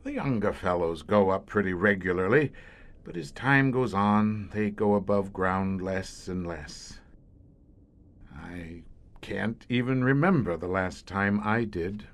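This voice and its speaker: In an audio horror drama, an actor voices the grim, weary older commander of a secret police squad that hunts monsters. His low-pitched male voice delivers eloquent, florid phrases at a deliberate pace.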